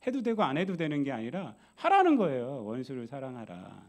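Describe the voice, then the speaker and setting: A man preaching a sermon as pastor, telling Bible stories in a lively way and acting out their voices with many rhetorical questions. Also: mid-range voice, a little fast.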